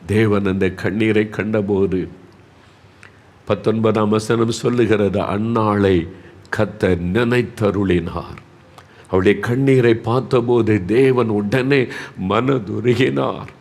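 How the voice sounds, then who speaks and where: A man preaching a devotional sermon. He repeats words for emphasis and moves between soft, slow lines and raised, pressing ones. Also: lowish voice, steady tone, vocal fry.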